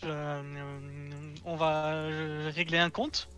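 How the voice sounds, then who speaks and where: A man's voice: a little high, level tone, drawn-out words, pushed and bright, faint music behind. A man playing a tabletop role-playing game, chatting casually in a hesitant, amused way as he improvises.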